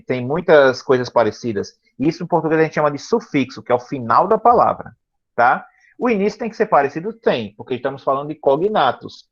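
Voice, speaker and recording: A tired male teacher explaining vocabulary to a class over a video call, patient and slow, often checking that students follow. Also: medium pitch, muffled recording. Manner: patient, repeats words slowly and checks understanding often. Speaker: English teacher.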